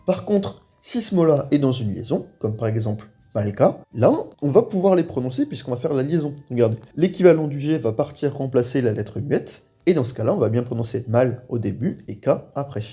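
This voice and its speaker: Husky-voiced man teaching a casual lesson. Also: medium pitch, mellow. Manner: explains patiently, acts out short example phrases. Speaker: Korean language teacher.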